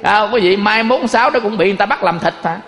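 A man's voice: sits high, quick pace, fairly bright tone, big-room sound. A man giving a folksy Buddhist sermon, telling stories and constantly addressing his listeners. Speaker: Buddhist monk teacher.

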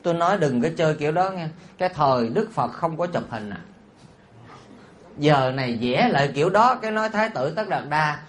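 A man, a Buddhist monk preaching a sermon. He is animated and teasing, and often puts rhetorical questions to his listeners. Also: a little high, brisk, slight background noise. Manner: teasing and humorous.

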